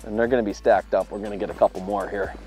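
A man's voice: lowish voice, fairly even intonation, rapid-fire, a little mellow, faint music behind. A man in his thirties on a boat on a lake, explaining his fishing tackle and catches in an upbeat way. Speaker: fishing video producer. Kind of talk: on-the-water fishing demonstration. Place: open boat on a lake, outdoors.

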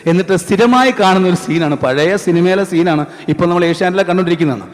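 A man's voice: sits high, fast. A man, a mimicry artist, talking to the audience in conversational stage comedy patter. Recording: stage hall reverb.

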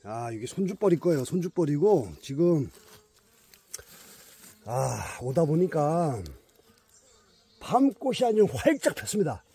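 A man's voice: a little high, very animated, a little slow, pauses often, warm tone, breathy edge. Chatty man talking to his bees. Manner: chatty, talks to his bees and viewers, emphatic. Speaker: beekeeper vlogger. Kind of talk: casual outdoor vlog. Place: mountain forest outdoors.

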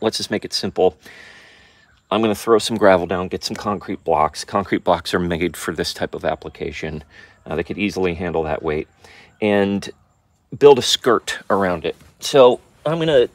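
A man vlogging about his homestead project, explaining his plans in a practical, thinking-aloud way and sounding excited about it. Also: sits low. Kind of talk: casual on-camera explanation.

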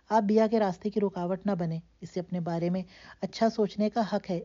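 A woman voicing a blunt young man who talks in a flat, pointed tone in a storybook reading. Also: medium pitch, close to an everyday voice. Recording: dull lo-fi recording.

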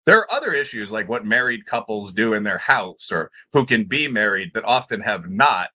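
Speaking from a bookshelf-lined room on a video call, a middle-aged panelist makes an off-the-cuff argument in an academic, discursive, emphatic way. His lowish voice has big pitch swings and a sharp tone, delivered at a moderate pace.

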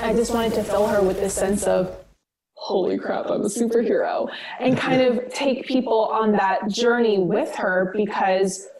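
A woman's voice: medium pitch, fairly even intonation, a little slow, crowd noise, rough recording. A young actress in her twenties speaks on a panel with eager enthusiasm.

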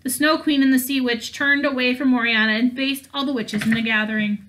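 A woman reading a fantasy novel aloud in a steady storytelling way. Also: high-pitched, brisk, slight background noise. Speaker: audiobook reader.

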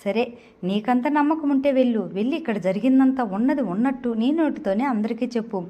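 A woman's voice: on the high side, a little fast, warm tone, natural voice. A woman voicing a smug young man who teases and argues stubbornly, in a storybook reading. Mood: teasing. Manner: teasing, stubborn, smirking argument. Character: smug teasing young man, about to marry.

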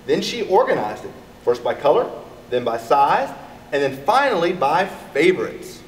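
A middle-aged American man, an elementary school educator, reads a picture book aloud to his pupils, expressively addressing the children directly. His voice is fairly high and very animated, at a moderate pace. The recording is echoey, with a distant mic and background noise.

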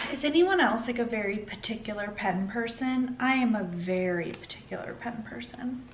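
A heavily pregnant young woman chatting casually to the camera, soft and reflective, sometimes dropping to a whisper. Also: on the high side, expressive, normal speed, low-quality recording. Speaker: lifestyle vlogger. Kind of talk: casual vlog talk to camera. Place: parked car, then outdoors by a river. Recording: clear background noise.

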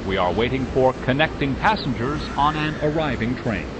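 Guy doing a formal airport style train announcement, mid pitched, polite, train noise behind. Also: expressive. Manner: polite, measured, scripted. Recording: clear background train and vehicle noise.

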